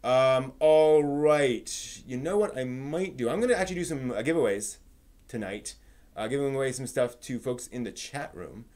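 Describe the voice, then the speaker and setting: In his live stream covering anime news and giveaways, this host talks casually and meanders while thinking aloud. His medium-pitched voice has lively intonation and a darkish tone, at a normal speed.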